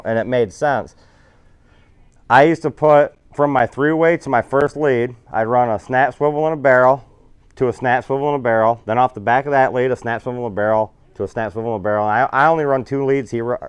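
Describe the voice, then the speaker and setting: Guy rambling folksy at a seminar, smooth clear voice, dry. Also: medium pitch, brisk, no room sound. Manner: rambling, folksy, self-correcting. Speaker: fishing seminar speaker. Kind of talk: casual seminar talk.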